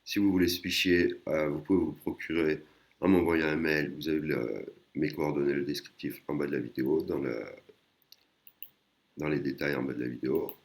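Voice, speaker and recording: A man teaching a language lesson in a casual way, with many pauses and fillers, explaining patiently and often adding a tag word at the end of his sentences. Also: very deep voice, steady tone. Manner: hesitant, many fillers and restarts. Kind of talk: casual screen-recorded lesson.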